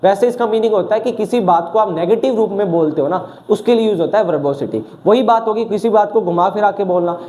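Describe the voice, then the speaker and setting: Male teacher, slightly sore throat, drills words with repeated questions, high pitch, soft dark tone. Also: quick pace, hardly any pauses. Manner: asks questions and answers them himself, repeating key words. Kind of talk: exam vocabulary lesson with question-and-answer drilling.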